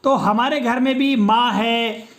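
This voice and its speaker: A woman teaching young children in a classroom, coaxing them and repeating words slowly for them to say back. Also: on the high side, steady tone. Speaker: primary school teacher.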